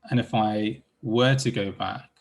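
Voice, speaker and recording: On a panel, an Iranian psychologist speaks haltingly, repeating words and restarting his sentences. His voice is fairly low and his pace a bit slow.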